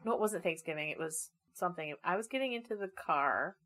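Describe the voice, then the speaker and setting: A woman's voice: on the low side, animated, a little fast, bright, forceful tone. A middle-aged woman co-hosting a podcast in casual chat, telling a funny family story and laughing through her words. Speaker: podcast co-host.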